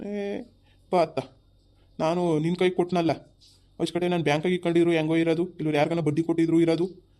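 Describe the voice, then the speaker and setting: Guy acting as an upset village husband, flat mellow voice, nagging and fed up. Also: on the high side, fast, long pauses, natural voice. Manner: scolding, exasperated. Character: frustrated husband who lost his savings. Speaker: actor. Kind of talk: village family drama.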